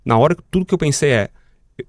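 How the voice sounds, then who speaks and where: Brazilian man, podcast guest, vivid storyteller, quick delivery, dry close sound. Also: on the high side, lively intonation, no room sound. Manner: vivid, talks to the host as "cara", acts out the dialogue. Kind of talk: dramatic personal storytelling. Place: podcast studio.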